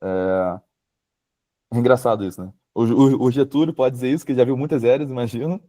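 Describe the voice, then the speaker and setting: A man in his late twenties with a Brazilian Portuguese accent gives advice in a relaxed, chatty way. His voice is mellow and warm, sitting at an ordinary middle pitch. He talks over a video call, filling pauses with casual tags. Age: late 20s. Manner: informal, frequent fillers like "sabe?" and "tipo". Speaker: guest speaker, power systems engineer. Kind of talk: webinar talk, casual advice. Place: home, remote video call.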